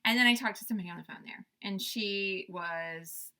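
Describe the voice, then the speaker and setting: A woman's voice: medium pitch, a little fast, bright, forceful tone. A young adult woman, a farm host, tells a story in a casual, chatty way. She laughs often and uses lots of fillers. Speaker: farm owner and show host.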